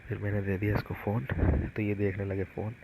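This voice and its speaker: A man's voice: fairly low pitch, level tone, fairly quick, gravelly, noisy background. A man, a father, casually narrating a home vlog about his young sons in a chatty storytelling way. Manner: chatty storytelling, retelling the kids' antics.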